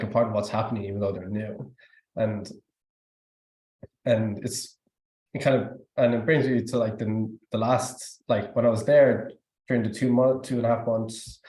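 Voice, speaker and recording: A young Irish-accented man gives an informal, rambling testimony at a youth service, packed with fillers and restarts. His voice is fairly low and mellow, and the room is echoey.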